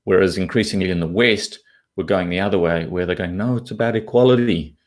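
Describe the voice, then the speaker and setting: A low-voiced man from southern Africa speaks fairly quickly. He is an investment commentator appearing as an interview guest, laying out his opinions bluntly and informally and swearing casually as he goes.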